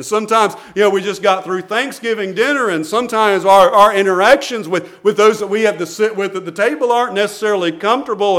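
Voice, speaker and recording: High-voiced man preaching a sermon. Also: fairly bright tone. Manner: earnest, repeats words and restarts often, chuckles between points. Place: church, speaking from the pulpit.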